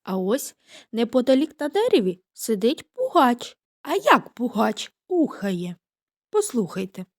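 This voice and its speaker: A woman preschool teacher giving a scripted literacy lesson, talking gently to small children and drawing out the vowel sounds. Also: on the high side, very animated, measured pace.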